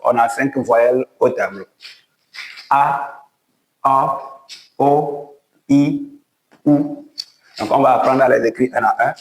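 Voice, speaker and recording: Poor audio in an echoey room captures a mid-range male voice. This language teacher patiently walks through writing and reading alphabet letters at a board, slowly taking each stroke one step at a time.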